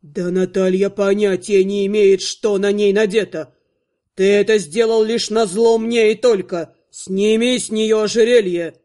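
A woman's voice: mid-range voice, fairly even intonation, unhurried, dark tone, pitched below the performer's own voice, natural voice. A woman voicing an insistent older male archmage who gives firm commands. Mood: stern. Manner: insistent, pressing.

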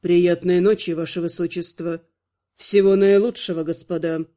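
A woman voicing a charming, suave male archvampire ruler who speaks smoothly and with mocking politeness, in an audiobook. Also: on the low side, flat delivery, moderate pace, dark tone, pitched below the performer's own voice, natural voice.

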